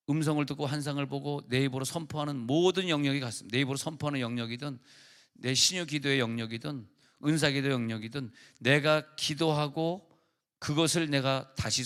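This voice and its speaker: Male pastor, sermon at a church prayer service, easygoing storytelling delivery, mid-pitched voice. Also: a little fast, a bit bright. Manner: conversational preaching with anecdotes and acted quotes.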